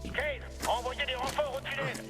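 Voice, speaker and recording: A man's voice: very high-pitched, little pitch movement, normal speed, over loud music. An actor playing a male enemy commander who gives curt orders over an in-game radio transmission. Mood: commanding. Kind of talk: video game voice acting.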